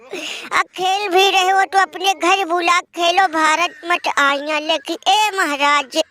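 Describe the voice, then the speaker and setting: A woman's voice: very high voice, fairly even intonation, slow, sharp tone, heavily acted. A woman doing a wailing rustic villager. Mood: wailing lament. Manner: melodramatic wailing lament with rustic exclamations. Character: wailing rustic village friend, melodramatic and mournful. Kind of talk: comic cartoon voice acting.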